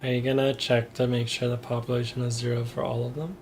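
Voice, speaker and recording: A man's voice: mid-range voice, monotone, fast talker, a little hiss or hum. A man co-hosting a game stream who needles his partner in teasing, casual banter. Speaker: let's play co-host.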